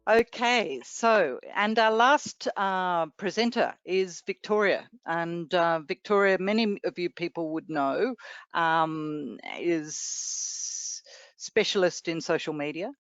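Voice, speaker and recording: Woman hosting a screen-recorded call, slow and halting, smooth voice but dull lo-fi sound. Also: on the low side, dry recording. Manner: halting, filler-heavy. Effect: screen-recorded video call audio. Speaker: webinar moderator. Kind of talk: introducing a presenter.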